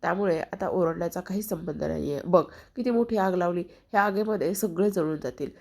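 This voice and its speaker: A spiteful, hot-headed man yells and boasts loudly, voiced by a woman retelling the story. The voice stays husky and low, with a gravelly rasp. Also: fairly quick. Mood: gloating. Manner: shouting, boastful.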